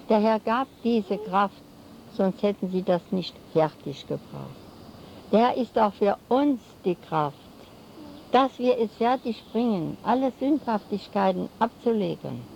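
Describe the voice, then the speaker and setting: An older woman delivers a solemn sermon at a deliberate, unhurried pace, her phrases now and then falling into rhyme. Her voice is mellow and gravelly. The recording is dull and lo-fi, with a faint hiss behind her. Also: medium pitch. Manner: solemn, slow preaching with rhyming phrases. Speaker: lay preacher. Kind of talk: sermon to a congregation.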